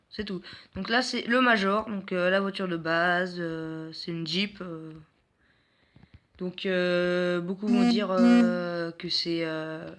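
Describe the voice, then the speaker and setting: A man's voice: sits high, a bit bright. Hesitant male mobile game commentator. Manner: hesitant, many filler sounds, self-mocking jokes. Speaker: mobile game video host. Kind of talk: casual gameplay commentary.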